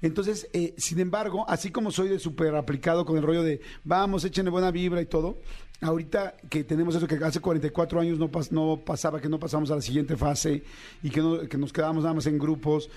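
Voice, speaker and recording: Mexican male host, high-pitched, heated, rambling, casual. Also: fairly even intonation, quick pace, warm tone. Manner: passionate, rambling, full of slang and repeated words. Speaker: podcast host. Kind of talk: casual chat.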